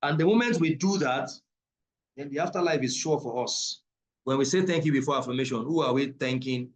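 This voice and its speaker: A man leads a live online numerology class and answers audience questions. He talks in an emphatic, preacher-like way and drives his points home by repeating them. His voice sits at an ordinary middle pitch. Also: a little fast, low-quality recording. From Africa. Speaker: numerology and esoteric teacher.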